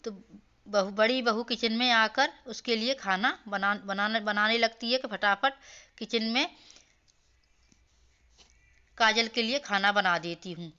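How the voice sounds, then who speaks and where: A woman's voice: on the high side, moderate pace, sharp tone, clear, resonant tone, muffled recording. A woman narrating a cartoon story in a plain storytelling way.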